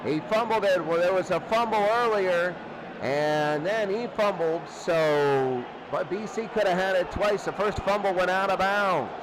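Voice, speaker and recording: Over a very noisy bed of roaring stadium crowd, a man with a high-pitched, unhurried voice does live radio play-by-play of a football match. He recaps the action in short bursts.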